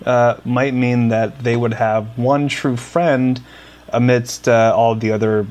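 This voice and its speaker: A man's voice: medium pitch, fairly even intonation, takes it slowly, a little mellow. A young man co-hosting a casual podcast, rambling with frequent restarts and fillers. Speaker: podcast co-host. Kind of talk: casual chat.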